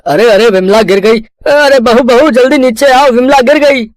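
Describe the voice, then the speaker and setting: A woman's voice: on the low side, normal speed, darkish tone, dry recording, studio quality, pitched below the performer's own voice, lightly acted. A woman voicing a frail old father-in-law in his seventies or so, weary and pleading, in a storybook cartoon. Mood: urgent. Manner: weary, sorrowful.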